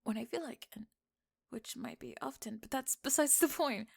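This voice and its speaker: In an intimate ASMR roleplay, a woman voices a young tomboy friend using a full, high-pitched character voice. She sounds flustered and defensive, halting as she teases gruffly and frequently drops into whispers.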